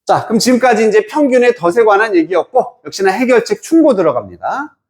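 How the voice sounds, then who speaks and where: 쾌활하고 높은 남자 영어 강사. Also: male voice, high-pitched. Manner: lively, asks and answers his own questions; drawls English words very slowly. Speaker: English teacher. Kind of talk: lecture.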